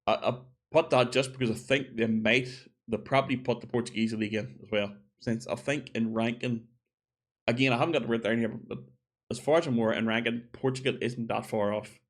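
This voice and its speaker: A man's voice: medium pitch, fairly even intonation, fairly quick. A man giving a casual opinion monologue, chatty and thinking aloud as he corrects himself. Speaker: gaming video creator.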